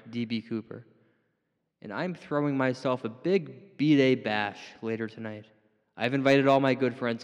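A man with a deadpan, rambling manner doing scripted comic narration. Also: mid-range voice, in a large hall, muffled recording. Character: oblivious shady man narrating his own story.

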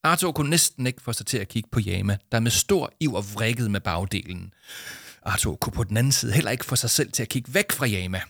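A man narrating a children's audiobook in a calm, lively storytelling manner. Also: medium pitch, gravelly, dry recording, clean studio sound.

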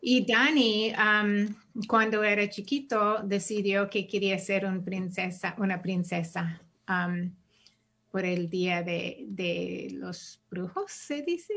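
A woman from the United States, an author and activist, answering interview questions gently and searching for words. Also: mid-range voice, slow. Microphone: video call.

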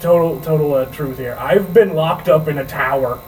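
A man's voice: fairly high pitch, normal speed, a little mellow, lightly acted. A man playing a huge, dim, laid-back Frankenstein monster who talks like a surfer dude in an improvised comedy podcast bit. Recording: distant mic with faint background noise.

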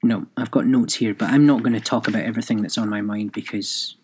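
A man's voice: lowish voice, fairly even intonation, quick pace, darkish tone, a little hiss or hum. A man hosting his own podcast, thinking aloud in a rambling way with restarts. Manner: reads aloud from his own written review. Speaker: podcast host. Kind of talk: solo podcast monologue.

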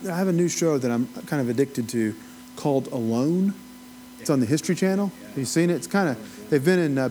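Higher-pitched Appalachian man teaching informally. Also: a little mellow, slight background noise, low-quality recording. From Appalachia, United States. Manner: folksy, rambling asides, asks the listeners questions. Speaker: Bible study teacher. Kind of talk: informal teaching, conversational lecture.

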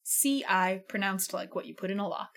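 A woman's voice: medium pitch, normal speed, gravelly, fairly bright tone. A woman hosting a radio show from a living room studio, chatty and patient as she explains words, often laughing. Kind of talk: casual chat.

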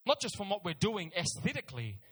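A middle-aged man from Auckland with a New Zealand accent preaches a sermon in a reverberant hall, sharing personal stories with emphatic repeated phrases and informal asides. His high, husky voice swings hugely in pitch and moves fairly quickly.

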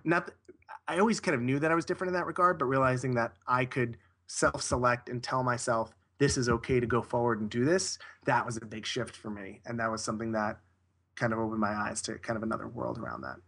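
A man's voice: medium pitch, quick pace, fairly bright tone. Rambling man talking casually as a guest. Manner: rambling, self-correcting, with frequent restarts. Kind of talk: casual interview conversation.

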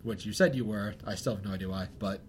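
A young adult man co-hosts a podcast, chatting casually with rambling, self-deprecating humor and frequent laughter. His lowish voice moves fast, and there's a little hiss or hum on the recording.

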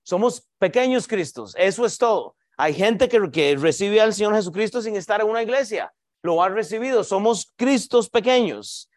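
A man's voice: high-pitched, lively intonation, moderate pace. A man, a pastor, preaching a sermon in a church, addressing the congregation as brothers and sisters, asking questions and answering them himself, with frequent restarts. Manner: preaching with frequent "hermanos" asides and repeated restarts.

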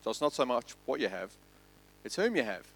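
Male pastor, sermon delivery, emphatic with wide swings in loudness. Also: mid-range voice, big pitch swings, creaky. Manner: emphatic, rising loud on lists, dropping soft and slow on key points.

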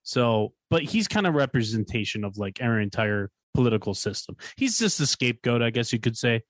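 An easygoing man in casual podcast chat, laughing often. His voice sits at a middle pitch. The sound is dry and close. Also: big pitch swings, fairly quick, no room sound.

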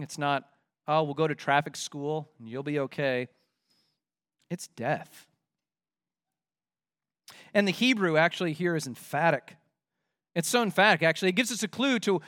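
Male pastor, sermon delivery, high-pitched, emphatic, slows on scripture, close and dry. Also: dry recording. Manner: emphatic, slows down for quoted scripture, drops to a hush for weighty points.

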